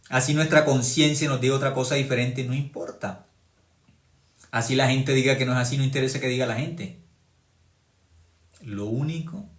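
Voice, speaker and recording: A male preacher delivers a sermon with emphatic, repeated phrases and long recited scripture passages. His voice sits at an ordinary middle pitch. The room around him rings with a noticeable echo.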